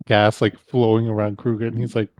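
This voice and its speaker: A man's voice: fairly low pitch, little pitch movement, brisk, a little mellow, dry recording. A man chatting casually and jokingly as a player in a tabletop game. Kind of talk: casual chat.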